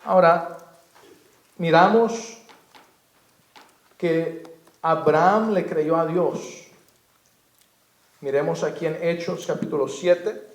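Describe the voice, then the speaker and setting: A man preaching a sermon as pastor, explaining scripture slowly and spelling out names and words. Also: on the high side, steady tone. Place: church. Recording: echoey church room.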